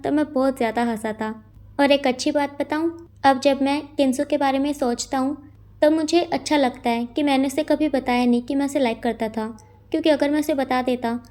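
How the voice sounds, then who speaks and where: Earnest young male lead, gentle and lovesick, confiding storybook read, read by a woman in a high, warm voice. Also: natural voice.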